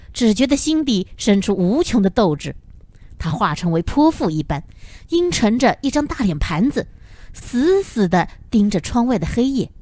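Expressive woman audiobook narrator. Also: medium pitch, no room sound. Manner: expressive storytelling. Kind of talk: scripted novel narration.

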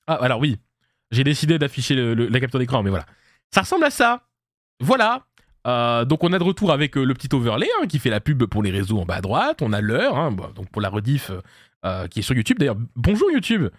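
A man's voice: medium pitch, very animated, fast, dry recording, clean studio sound. A man streaming live, chatting casually and jokily while reading his chat aloud.

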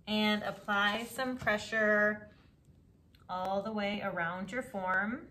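A woman teaching a pottery lesson, calmly explaining each step while she works the clay. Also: fairly high pitch. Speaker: ceramics teacher. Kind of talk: instructional craft demonstration.

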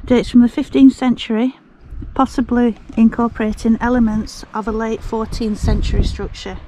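A middle-aged woman talks casually to her camera while out walking near the coast. Her voice is mellow and unhurried. Faint outdoor noise sits behind her. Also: a little high, level tone, poor audio. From Scotland. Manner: chatty, reads a sign aloud at an unhurried pace. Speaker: travel vlogger. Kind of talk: casual vlog chat. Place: outdoors on a windy clifftop and fields by the sea.

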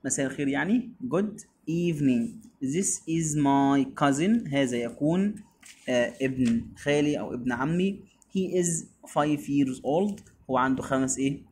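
A man's voice: medium pitch, a little slow, darkish tone, slight background noise. A man with an Egyptian Arabic accent teaching beginner English, repeating each word and quizzing his pupil.

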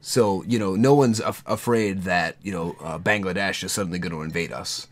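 A man's voice: low-pitched, normal speed. An American man in casual podcast conversation, earnestly arguing his point and checking for agreement. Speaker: podcast co-host.

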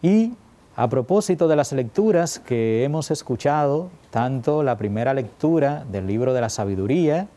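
Male priest, calm reflective homily, mellow voice. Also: medium pitch, moderate pace. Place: chapel altar.

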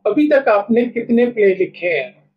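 A man's voice: high-pitched, expressive, unhurried, highs cut off. A man hosting a podcast, asking his guest friendly, curious questions. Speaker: podcast host.

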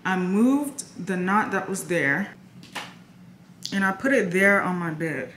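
A young woman talks casually to camera, calling her viewers "y'all" in a bright, lively voice. The room around her is echoey, with a faint hum of ambience behind her. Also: medium pitch, takes it slowly. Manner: chatty, addresses viewers as "y'all". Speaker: vlogger. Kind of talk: casual vlog chat to camera.

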